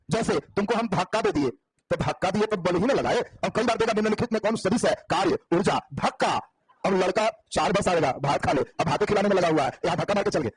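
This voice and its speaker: A man's voice: high voice, slightly rough, dry recording, rough recording. A man teaching a physics class on a handheld mic, drilling students with repeated questions. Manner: quizzing, drilling students by repetition. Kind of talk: classroom lecture.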